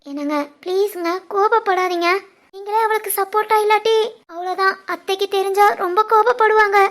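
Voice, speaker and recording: Casting: woman playing a meek, pleading young wife in a cartoon, extremely high voice. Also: steady tone, brisk, a bit bright. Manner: pleading, anxious. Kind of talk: animated family drama voicing.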